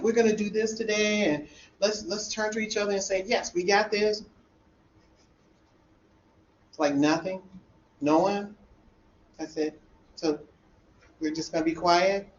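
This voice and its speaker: A man who teaches college algebra, telling an animated classroom story in a discussion group and acting out the dialogue. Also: fairly high pitch. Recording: roomy, dull sound with faint room noise.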